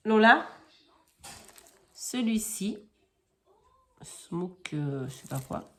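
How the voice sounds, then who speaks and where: A crafting vlogger with a lowish, fairly bright voice and vocal fry sounds very animated as she shows her haul at home, chatting unhurriedly, rambling, and correcting herself amid many fillers. A little hiss or hum is audible.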